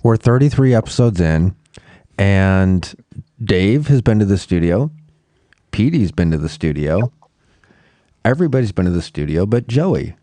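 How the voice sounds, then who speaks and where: A man's voice: sits low, lively intonation, a little slow, long pauses, warm tone, dry recording. A man hosting a casual podcast, teasing his friends and steering the talk. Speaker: podcast host. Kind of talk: casual banter.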